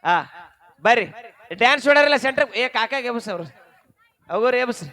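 A man with a North Karnataka accent announcing at a live stage event, briskly directing the crowd and lights. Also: very high-pitched, expressive, bright, forceful tone. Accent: North Karnataka Kannada. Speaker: stage emcee.

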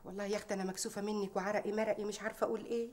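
An actress playing a bold, sharp-tongued working-class maid who speaks Egyptian Arabic, full of proverbs and mockery. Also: female voice, medium pitch, level tone, racing, slight background noise, natural voice. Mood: sly, wheedling. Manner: proverb-heavy, mocking, loud when riled. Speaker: maid confronting a rich wife.

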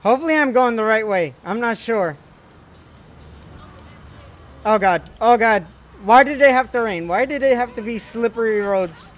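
A man giving let's play commentary, excitable and panicky, swearing a lot as he plays. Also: extremely high pitch, normal speed, long pauses. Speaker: gaming video host.

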